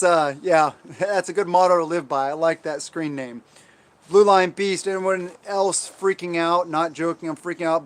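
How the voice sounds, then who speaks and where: An American man with a fairly high-pitched voice chats casually as the host of a livestream. He responds to comments as he goes. His delivery is halting and meandering, with phrases that trail off and get restated. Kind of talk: casual livestream chat, answering viewer comments.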